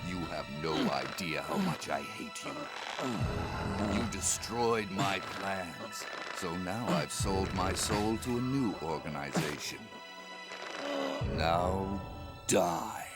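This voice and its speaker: Deep, slow, sinister game villain. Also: male voice, expressive. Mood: vengeful. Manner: slow, taunting, deliberate delivery through a barely open mouth. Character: sinister, vengeful villain man, smug and menacing. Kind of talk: theatrical video game voice acting. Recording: loud game music underneath. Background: game music.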